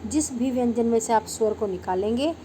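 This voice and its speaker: A woman from India with a somewhat raised voice teaches an online Sanskrit class. She breaks words into syllables and says each one slowly and deliberately. A faint hum runs under her voice. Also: a little high, warm tone. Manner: patient, drawn-out syllable-by-syllable pronunciation; addresses pupils as "beta".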